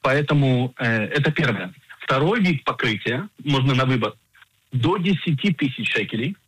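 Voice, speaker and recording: A man in his forties, an insurance agent and financial planner, explaining coverage in a radio interview in a measured way with frequent hesitations. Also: medium pitch, lively intonation, a bit bright, slightly rough, no echo, low-quality recording.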